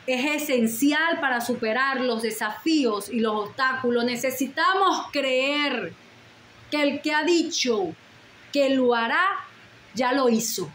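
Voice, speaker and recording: A woman's voice: high-pitched, expressive, slow, fairly bright tone, echoey room, slight background noise. A woman preaching a sermon with fervent, repeated declarations and prayerful pleas.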